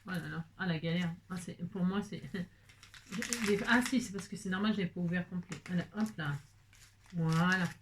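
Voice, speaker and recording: A woman's voice: lowish voice, moderate pace, noisy background. A woman talking casually while making a card, chatty and self-mocking with frequent exclamations. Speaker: crafting vlogger. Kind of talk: chatty crafting tutorial.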